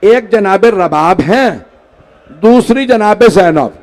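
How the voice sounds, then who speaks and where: Male preacher, high pitch, mourning sermon with pleading asides and rising lament. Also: expressive, takes it slowly, darkish tone. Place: large hall.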